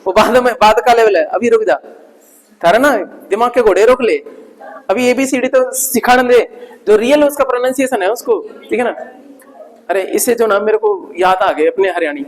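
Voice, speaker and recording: Playful teacher drilling letter sounds. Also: male voice, high-pitched, normal speed, big-room sound, poor audio. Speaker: English teacher. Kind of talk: live online grammar class.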